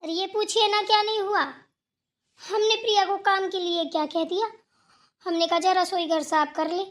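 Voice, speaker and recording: A woman's voice: very high voice, fairly even intonation, moderate pace. A woman voicing a young village daughter-in-law in a cartoon who complains dramatically and tells tales. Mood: tattling. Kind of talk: cartoon voice acting.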